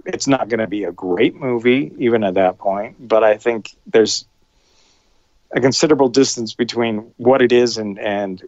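A man co-hosting a casual film review podcast speaks in halting bursts and keeps restarting his sentences. His lowish voice is a little mellow, recorded dry and close with no room sound and a somewhat dull, lo-fi quality.

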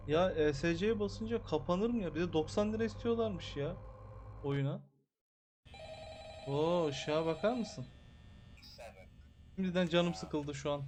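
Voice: mid-range voice, a little mellow, a little hiss or hum. A streamer doing live horror gameplay commentary, grumbling and cursing constantly and shrieking at jumpscares. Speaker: game streamer.

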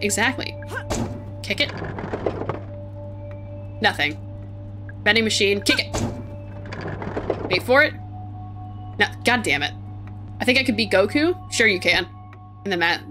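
A woman's voice: medium pitch, pushed and bright. A woman streaming a video game, reading in-game notes aloud and chatting with her viewers. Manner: reads in-game notes aloud, chats with chat. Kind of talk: let's play commentary.

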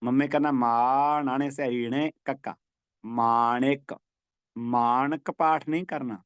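A man chants scripture verses slowly, repeating them so listeners can practice recitation. His medium-pitched voice stays steady and clean, and the recording is dry.

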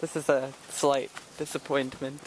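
A young man chats and jokes as he gives a tour on a handheld camera, his voice at an ordinary middle pitch. He is outdoors among trees at a camp, and the recording has a faint hiss under it. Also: flat delivery, measured pace. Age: young adult. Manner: joking, teasing tour-guide chatter. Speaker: vlogger. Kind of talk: casual handheld vlog. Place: outdoors in woods at a retreat camp.

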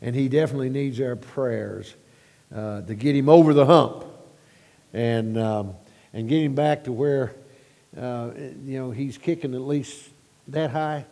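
A man leading a church prayer at a pulpit microphone, halting with repeated words and swelling louder as he prays. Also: medium pitch, gravelly. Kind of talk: spoken church prayer and announcements. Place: church sanctuary. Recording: long reverb of a church sanctuary.

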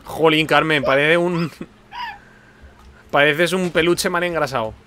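A man from chatting with friends while playing a game, animated and teasing, with sudden exclamations. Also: on the high side, a little slow, slight background noise. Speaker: lets-play host. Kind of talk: casual game chat.

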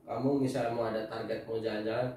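A man's voice: lowish voice, little pitch movement, fast, dark tone, a little hiss or hum. A man talking as a father giving his family advice in casual chat, lecturing and laughing often. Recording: echoey room, mic far off.

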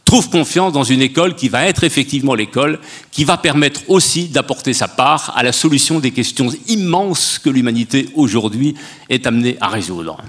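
A man's voice: medium pitch, animated, fairly quick, a bit bright. An older man speaking as a guest on a public panel debate, making an impassioned case in long sweeping sentences into a handheld mic on a stage. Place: stage of a large dark auditorium.

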